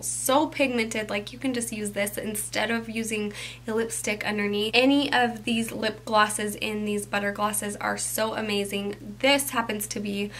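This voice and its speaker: A young woman talking through a makeup tutorial at home, chatty and enthusiastic, sometimes dropping to a soft whisper. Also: fairly high pitch, a little hiss or hum. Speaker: beauty vlogger.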